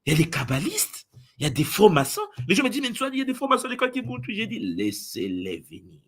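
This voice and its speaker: Brief: husky male spiritual teacher, lively swooping delivery, mimics others' voices in asides. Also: quick pace. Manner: swings from booming exclamations to low intimate asides. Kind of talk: impassioned spiritual address to followers.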